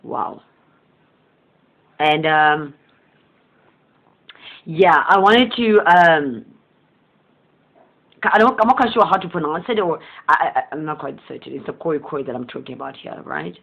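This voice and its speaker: With a medium pitch, lively intonation, and a touch of vocal fry, the host speaks a little slowly and pauses often, sounding tinny as if over a phone. Southern Sesotho is the first language of this motivational channel presenter. The talk is a casual, rambling spiritual monologue, warm and sincere, punctuated by frequent chuckles.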